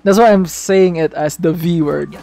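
A man streaming a game, chatting casually and excitably, swearing freely as he talks to his viewers. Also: a little high, measured pace, creaky, a little hiss or hum. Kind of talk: casual live-stream chat.

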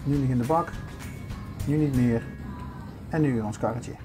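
A man's voice: medium pitch, moderate pace, over music. An older man giving a chatty narration of a walk through a large supermarket, pointing things out as he goes. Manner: chatty, showing things around as he walks. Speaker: vlogger. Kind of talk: casual shopping vlog narration.

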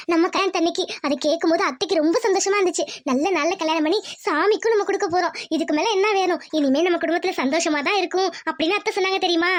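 A woman voicing a young village bride in a cartoon, tender, pleading and emotional. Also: very high-pitched. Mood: excited. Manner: pleading, emotional, calls her fiancé uncle-sweetly. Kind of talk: cartoon voice acting.

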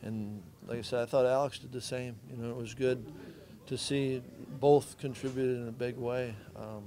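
Middle-aged male coach, flat delivery, mellow tone, postgame presser answers. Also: medium pitch, normal speed. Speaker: head football coach.

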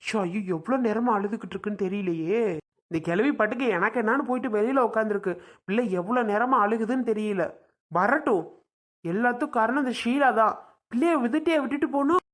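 A woman's voice: a little high, a little fast, lightly acted. A woman playing an exasperated young dad. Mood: fretful. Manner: exasperated scolding. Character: scolding young father of a baby. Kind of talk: comedy skit acting.

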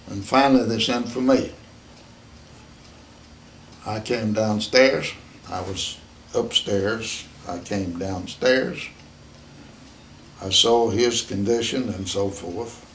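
Slow, elderly American veteran remembering. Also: male voice, on the low side, a little hiss or hum. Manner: halting, plain-spoken, matter-of-fact. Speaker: World War II veteran being interviewed. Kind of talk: old veteran remembering, unscripted recollection.

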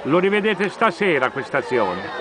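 A man giving excited amateur football commentary in repeated exclamations from behind a handheld camera outdoors. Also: moderate pace. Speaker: amateur match videographer and fan. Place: outdoors at a small football ground. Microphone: handheld camera, operator behind it. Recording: noisy outdoor pitch, loud crowd. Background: crowd and loud outdoor noise.

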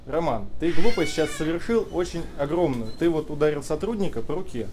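A man filming police in a service room indoors, calm, insistent and legalistic. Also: fairly high pitch, fairly quick, background noise. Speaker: bystander filming. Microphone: camera he is holding.

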